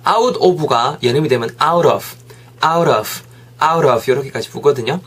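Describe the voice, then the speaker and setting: A man teaching English phrases in a lively way, saying each sentence slowly for learners to repeat. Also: mid-range voice, husky. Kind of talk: English lesson.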